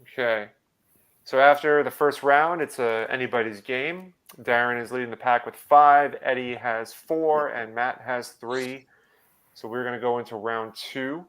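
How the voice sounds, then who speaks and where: A man's voice: medium pitch, fairly even intonation, unhurried, fairly bright tone, clear, resonant tone. A man hosting a live online trivia quiz over a video call, talking with hesitant fillers and restarts. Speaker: trivia host.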